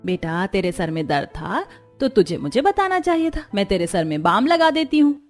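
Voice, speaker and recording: A woman's voice: medium pitch, big pitch swings, moderate pace, faint music behind, close to an everyday voice. A woman voicing a kind, caring middle-aged mother-in-law who speaks soothingly but firmly. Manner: soothing, gently firm. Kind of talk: cartoon story voice acting.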